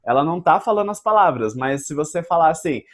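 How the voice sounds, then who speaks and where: A man's voice: fairly high pitch, animated, fast talker. A man with a Brazilian Portuguese accent, hosting a casual debate and explaining his point patiently with examples. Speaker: host.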